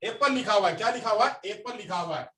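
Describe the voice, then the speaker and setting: High-voiced man lecturing a class. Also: animated, fast, a bit bright. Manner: repeats phrases, quizzes the class. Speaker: teacher. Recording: roomy classroom recorded from a distance.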